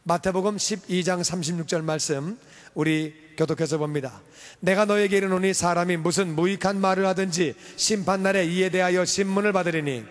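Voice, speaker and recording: A man preaching in a church with a high voice, animated, acting out the voices in his stories. His words carry a long reverb through the large hall. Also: brisk. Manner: animated storytelling, acts out scolding and praising voices. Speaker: pastor. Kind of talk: sermon. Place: church sanctuary.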